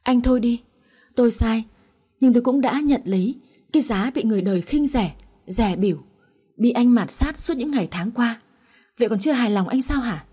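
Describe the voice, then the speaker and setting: A woman voicing a guilt-ridden young wife who pleads tearfully, in a slightly husky voice. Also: fairly high pitch, animated, fast, warm tone. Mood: desperate.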